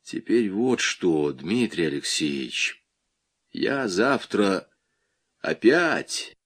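A man voicing a huge, grim, hunched older man who speaks curtly, slowly and low, in an audiobook. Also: big pitch swings, fairly bright tone, slightly rough, heavily acted.

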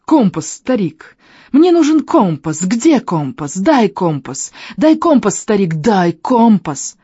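A reader voicing a hysterical demonic hound in a man's body, with a gurgling, unnaturally high voice that shrieks and chokes on its demands. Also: big pitch swings, slow, dark tone, breathy edge, no echo, exaggerated voice. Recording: dull, dry lo-fi audio.

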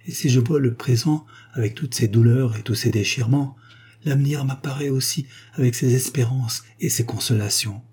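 A man's voice: mid-range voice, normal speed, a little mellow, slightly rough, lightly acted. A man voicing a frail, serene young girl on her deathbed, speaking in a faint, weakened voice that sometimes drops to a whisper, as in a read-aloud novel.

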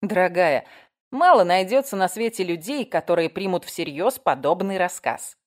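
A woman's voice: on the low side, animated, normal speed, lightly acted. A woman reading an audiobook, voicing a sarcastic woman editor who teases and mocks her frightened friend. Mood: mocking. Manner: sarcastic, giggling, teasing. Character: mocking sharp-tongued woman editor, teasing.

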